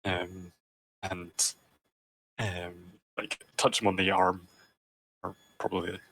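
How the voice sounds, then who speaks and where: A man playing a tabletop game, his voice somewhat low and husky. He speaks slowly and hesitantly, pausing on ums as he describes what his character does. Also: little pitch movement, fairly bright tone, low-quality recording. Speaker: player.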